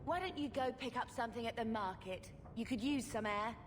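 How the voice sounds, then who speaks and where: An actress playing a gentle, earnest young mage, a devoted younger sister, in a video game. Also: female voice, a little high, a little fast, close to an everyday voice. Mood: exasperated. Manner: earnest, wistful. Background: game music.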